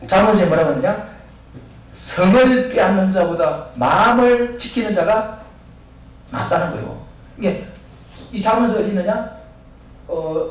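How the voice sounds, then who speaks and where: A male pastor preaching a sermon in church, firing questions at the congregation and acting out the voices of people in Bible stories. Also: high-pitched. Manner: asks the congregation questions and answers them himself. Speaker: senior pastor. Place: church sanctuary. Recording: echoey church from a distance.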